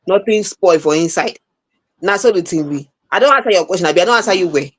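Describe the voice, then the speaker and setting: A woman's voice: fairly low pitch, animated, fast talker, husky. A woman with a Nigerian accent co-hosting an entertainment talk show, chatting casually in Nigerian Pidgin mixed with English. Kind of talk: casual chat.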